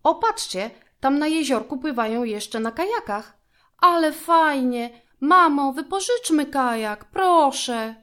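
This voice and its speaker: An excitable young schoolgirl who loves correcting her little brother, voiced by a woman. Her voice sits high and bright, a bossy big sister from a children's story. The lines come out quick and eager. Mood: excited.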